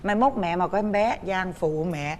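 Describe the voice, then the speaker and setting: A woman's voice: lowish voice, moderate pace. Coaxing Southern Vietnamese woman host. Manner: warm, coaxing, speaking gently to a child. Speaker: talk show host. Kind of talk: casual chat.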